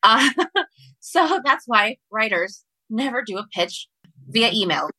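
Speaking English as a second language, this Ecuadorian woman, whose first language is Spanish, tells stories as a guest author in a relaxed podcast interview, often backtracking and repeating herself haltingly. Her fairly high voice is expressive, bright and forceful with a breathy edge. There's no echo, though the recording is rough.

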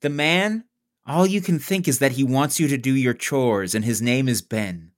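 A man's voice: mid-range voice, moderate pace. A man running a tabletop game, narrating scenes descriptively and playfully to the players. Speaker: game master.

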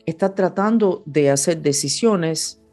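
A woman's voice: sits low, measured pace, mellow. Woman, second-language Spanish, over music. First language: not Spanish (Spanish is second language). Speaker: astrologer, horoscope presenter. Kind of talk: unscripted horoscope and spiritual talk to audience.

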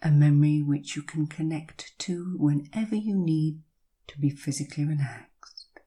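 A woman leading a guided hypnosis session, speaking in a soft, breathy voice with slow, soothing, drawn-out phrases and long pauses. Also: low-pitched.

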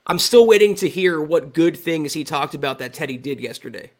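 A man with an American accent co-hosting a sports show, explaining his analysis in a casual, measured, conversational way. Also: on the high side, lively intonation. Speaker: sports livestream co-host.

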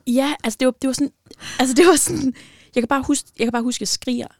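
A woman telling a personal story in casual podcast chat, animated and swinging between loud bursts and near-whispers. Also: sits high, dry recording, studio quality.

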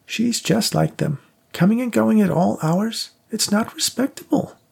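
A man voicing a spiteful, murderous old woman with a shrill, scolding voice in an audiobook. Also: animated, unhurried, creaky, husky, exaggerated voice. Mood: scornful.

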